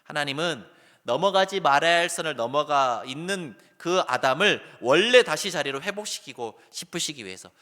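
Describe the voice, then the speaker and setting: A middle-aged male pastor preaching a sermon, lively and animated, sometimes loud and sometimes dropping soft. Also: fairly high pitch. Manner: animated preaching, acts out calls in a raised voice, then drops soft. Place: church sanctuary. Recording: long hall reverb.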